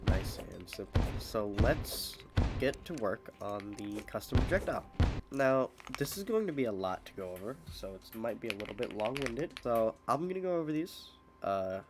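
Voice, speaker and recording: Over music, a young modding tutorial host talks through code one step at a time in an expressive, medium-pitched voice at a moderate pace. He fills gaps with frequent "uh"s, and his voice still sounds slightly off from being ill. The video is a screen-recorded coding tutorial.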